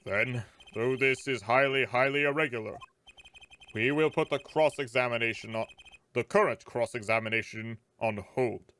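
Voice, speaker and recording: Man doing a bright, forceful old courtroom judge. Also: mid-range voice, voice pushed down, close to an everyday voice. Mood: solemn, musing. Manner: formal, deliberate, pausing. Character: dignified, slightly bewildered old male courtroom judge. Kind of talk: reading video game dialogue aloud.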